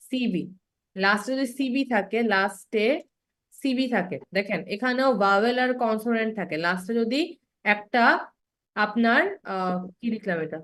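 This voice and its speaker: A young woman teaching an English grammar class online, patiently explaining and slowing down to spell out example words. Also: on the high side.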